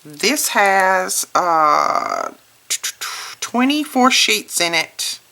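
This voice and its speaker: Her voice is mid-range yet hoarse from recent illness, with a sing-song, bright, and forceful tone, as this host leisurely chats about each craft product she handles. The clearly audible background features crinkling paper and packaging along with clicks.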